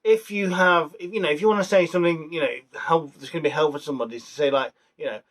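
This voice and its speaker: A man's voice: a little high, quick pace, fairly bright tone. A young man casually reviewing a show on his vlog, rambling with fillers and restarts. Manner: rambling, many fillers and restarts, laughs at his own jokes. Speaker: vlogger reviewing a TV series.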